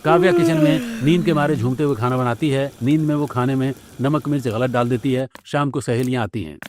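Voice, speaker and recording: Guy reading out a cartoon story, steady and plain. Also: mid-range voice, brisk, a little hiss or hum. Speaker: narrator. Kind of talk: scripted storytelling narration.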